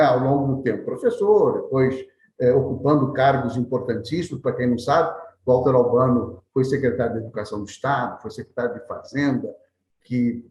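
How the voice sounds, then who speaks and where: A male interview host with a middle-pitched voice. He asks chatty, admiring questions and often drops in filler tags. His delivery is relaxed and conversational.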